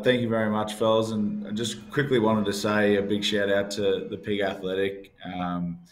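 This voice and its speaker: An Australian man being interviewed casually, speaking in a hesitant, understated way over faint background noise. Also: sits low. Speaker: rugby club captain, guest.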